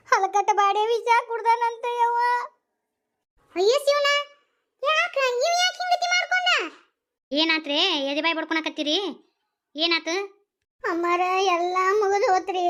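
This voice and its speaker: A woman's voice: very high voice, steady tone, a little slow, fairly bright tone. A woman voicing a wailing village wife and a grieving mother-in-law in a cartoon, lamenting with a North Karnataka Kannada accent. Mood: grief-stricken. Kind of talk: cartoon voice acting.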